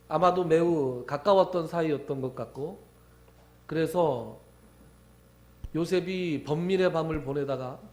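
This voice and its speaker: A man preaching from the pulpit, his voice sitting a little high for a man. He tells the story conversationally, asking questions and answering them himself. The sound carries the echo of a church sanctuary. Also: a little mellow. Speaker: pastor. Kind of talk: sermon.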